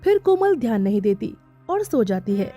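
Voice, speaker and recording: A woman narrating a scripted animated story in a steady storytelling manner. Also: a little high, moderate pace, muffled recording, faint music behind.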